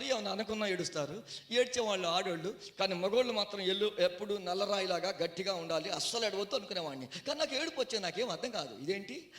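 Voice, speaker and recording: Bright-voiced preacher man in echoey hall. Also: sits high. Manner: storytelling, animated, swings from hushed to loud. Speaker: guest preacher. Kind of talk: sermon.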